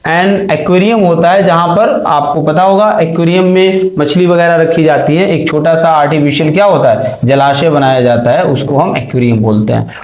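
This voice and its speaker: A man's voice: fairly high pitch, normal speed, hardly any pauses, darkish tone. A male teacher giving an exam-prep vocabulary lecture, mixing English terms into his explanations and asking questions he answers himself. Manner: mixes Hindi with English terms. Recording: echoey room.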